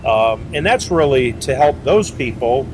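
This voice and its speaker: A middle-aged man answers interview questions in a loose, rambling way, full of fillers and restarts, at an ordinary mid pitch. He sits outdoors beside a boat at a marina, picked up on a lapel mic. Clear background noise of traffic and machinery runs underneath. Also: animated, measured pace, darkish tone, poor audio. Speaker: boat manufacturer representative.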